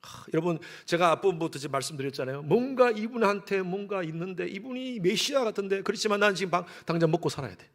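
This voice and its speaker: A man preaching a sermon as a pastor in a church sanctuary, animated and swinging between loud exclamations and soft, low asides. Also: fast, hardly any pauses. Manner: animated preaching, acting out little household dialogues.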